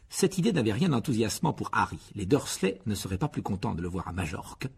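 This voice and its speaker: Gravelly male audiobook narrator. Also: lowish voice, fast. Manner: expressive storytelling.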